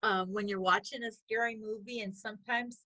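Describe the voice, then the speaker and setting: A middle-aged woman co-hosts a relaxed podcast. She talks in a lively way and laughs easily as she shares stories. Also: medium pitch, normal speed, rough recording. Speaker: podcast co-host. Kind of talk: casual chat.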